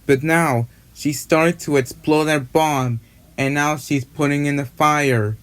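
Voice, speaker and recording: A man narrating a cartoon in a rambling, halting, repetitive way. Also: on the high side, fairly even intonation. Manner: halting, repetitive, run-on retelling. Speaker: fan narrator retelling a cartoon.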